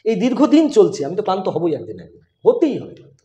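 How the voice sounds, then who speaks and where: A man's voice: high voice, wildly swooping pitch, rapid-fire, warm tone, roomy sound. A middle-aged man from West Bengal, a headmaster and physics teacher, giving emphatic, insistent interview answers. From West Bengal, India.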